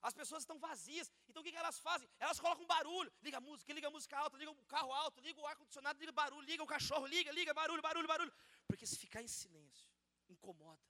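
Guy preaching, high bright voice, drops soft then shouts, big echoey hall. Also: rapid-fire. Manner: dynamic, swings from hushed storytelling to shouted exhortation. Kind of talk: sermon. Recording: long reverb of a large hall.

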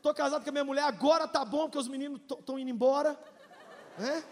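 A very high-pitched Brazilian man in his forties preaches a personal testimony, his voice ringing with a long hall reverb. He moves between loud, shouted peaks and soft, confiding asides, slipping in jokes along the way. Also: quick pace. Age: 40s. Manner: emotional storytelling, swings from shouting to hushed, joking. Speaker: pastor. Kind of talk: testimony sermon.

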